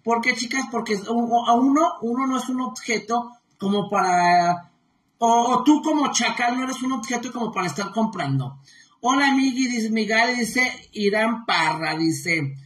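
A bright, forceful woman chats on a live stream, warmly greeting viewers and reading their comments aloud with plenty of filler words. Her voice rings through a roomy, echoey space. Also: a little high, slight background noise. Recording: roomy echo.

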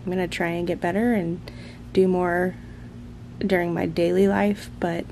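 A vlogger in her thirties speaks to the camera in a small bedroom, casual and self-deprecating, with a mellow, lowish voice delivered flatly at a moderate pace. The camera, held at arm's length or placed nearby, records noisy sound with a room hum.

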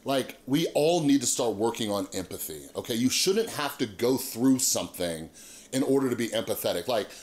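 A man's voice: medium pitch, expressive, normal speed, darkish tone. A man in his thirties hosting a YouTube channel, giving casual, earnest opinion commentary and often checking that listeners agree. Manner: earnest, emphatic, seeks agreement with frequent rhetorical tags. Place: small indoor room with monitors.

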